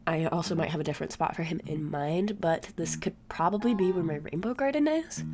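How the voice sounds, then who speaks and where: Her voice sits low with a dark tone, thick with congestion and a sore throat. A young woman gaming on YouTube, she rambles tiredly and chattily through a voice-over about her game, recorded on a desk mic at her chair in a home room.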